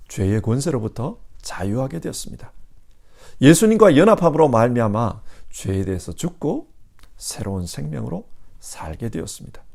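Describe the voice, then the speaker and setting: A man's voice: mid-range voice, very animated, normal speed, gravelly, darkish tone. A male pastor preaching a sermon in a church, asking the congregation emphatic rhetorical questions. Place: church sanctuary.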